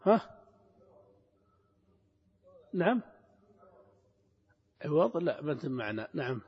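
A man's voice: fairly high pitch, big pitch swings, slow pace, slightly rough. A man teaching a grammar class, asking his students questions and repeating the key words. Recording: lo-fi recording with long hall echo.

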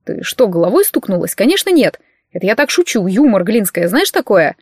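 A woman's voice: medium pitch, sing-song, fairly quick, darkish tone, husky, no echo, studio quality. A woman reading the lines of a cocky, teasing young man who jokes smugly. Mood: mock-offended. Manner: teasing, joking, smug.

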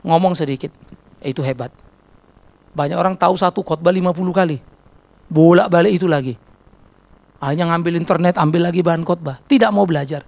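Blunt, gravelly preaching man. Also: sits high. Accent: Indonesian. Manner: blunt, teasing, acts out dialogues. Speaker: pastor. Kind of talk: sermon.

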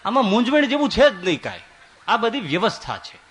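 A man giving a sermon as a swami, telling stories with voiced quotes and swinging from loud to soft. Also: high-pitched, very animated, a little fast, slight background noise. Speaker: swami preacher.

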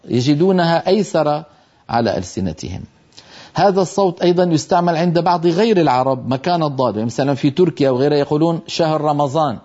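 A mellow, warm-toned older man gives a televised recitation lesson, laying out each point clearly and voicing every letter he describes. The sound is dull and lo-fi, like an old broadcast. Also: a little high. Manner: explanatory, demonstrates letter sounds aloud. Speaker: Quran recitation teacher.

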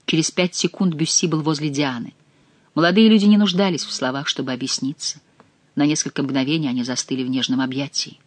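An audiobook narrator reading a classic novel aloud, dropping to a soft hush in tender passages. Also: mid-range voice, fairly even intonation, quick pace, no room sound.

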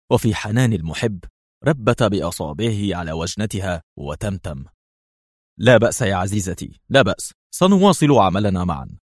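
Low-voiced man narrating a spy story. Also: a little mellow, dry recording, clean studio sound. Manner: measured, dramatic reading. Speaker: audiobook narrator.

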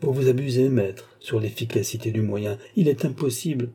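A man voicing a grave, troubled young male adept in an audiobook, speaking in a solemn, measured way. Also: mid-range voice, mellow, breathy edge, close to an everyday voice. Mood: earnest. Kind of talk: audiobook character voice.

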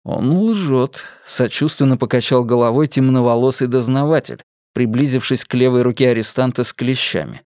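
A man narrating an audiobook in an expressive reading style. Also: mid-range voice, brisk, few pauses, clean tone, no echo, clean studio sound.

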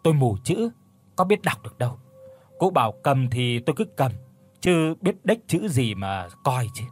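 A man's voice: medium pitch, very animated, moderate pace, soft background music. A man voicing a simple, gullible male servant in an audio story, tipsy and slurring as if his mouth is full. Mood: tipsy boasting.

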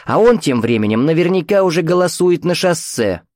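A man's voice: fairly high pitch, lively intonation, fairly quick, darkish tone, no echo, clean studio sound, voice pushed up, close to an everyday voice. A man voicing a cold, scornful middle-aged mother who talks down to her daughter in a cutting, commanding way, in an audiobook. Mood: mocking.

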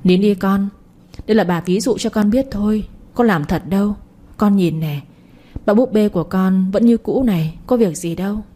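A woman's voice: mid-range voice, moderate pace, warm tone, close to an everyday voice. A woman playing a cruel old grandmother. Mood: coaxing. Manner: scornful, cutting. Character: scheming old grandmother, sharp-tongued and cruel.

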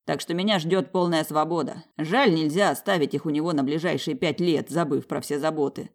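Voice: medium pitch, steady tone, a little fast, lightly acted. A reader voicing a smug, dismissive wealthy young husband in audiobook dialogue.

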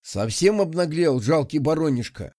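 A man puts on a spoiled young aristocrat who flares into rage at any slight. The voice sits high and loud and turns shrill, yet the tone underneath stays dark and close to the mic. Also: animated, normal speed, no echo, natural voice. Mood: insulted. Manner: sneering, shrill and shouting. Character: arrogant hot-headed young male noble, fire mage.

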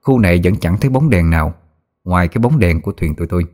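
A man narrating a first-person ghost story in a steady, measured way. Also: deep voice. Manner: steady, measured telling that turns frantic in quoted outbursts. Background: faint music.

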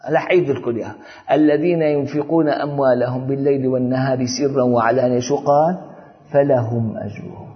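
A man acting as a religious teacher gives an informal lesson, talking conversationally and often asking "you see?" to check that listeners follow. His medium-pitched voice is fairly even in intonation, and he talks fast. The audio is dull with long hall reverb.

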